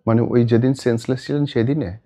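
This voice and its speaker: Man, talk show host, rapid-fire delivery, blunt, scolding, sarcastic. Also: mid-range voice, steady tone, warm tone. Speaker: radio-style show host.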